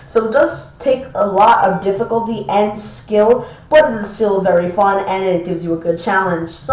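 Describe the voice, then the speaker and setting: A woman's voice: mid-range voice, darkish tone, reverberant, poor audio. A woman hosting a casual gaming list video, rambling and often stumbling over her words. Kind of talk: casual ranked-list commentary.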